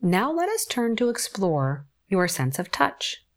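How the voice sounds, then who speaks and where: Slow, gentle woman guiding a meditation. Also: mid-range voice. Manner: calm, gentle instructions with long pauses. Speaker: forest bathing guide. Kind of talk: guided meditation narration.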